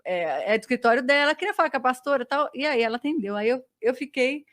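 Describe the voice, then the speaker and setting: A woman telling her faith testimony as a podcast guest, a lively storyteller who acts out dialogue. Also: high voice, fast talker. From Brazil.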